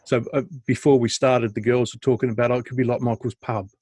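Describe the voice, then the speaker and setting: A man's voice: medium pitch, little pitch movement, fast talker, a little mellow, no echo. A chatty man with a middle-range voice, telling stories on a podcast with a self-deprecating humor. The sound is dry and close, with no room around it. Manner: chatty storyteller, self-deprecating, laughs a lot. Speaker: podcast co-host. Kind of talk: casual chat on a video call.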